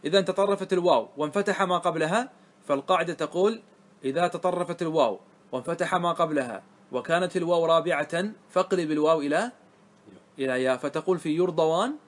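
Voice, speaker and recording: A man teaching a grammar class to students, often asking them whether it is clear and repeating key words. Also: a little high, fast talker. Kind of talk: classroom lesson.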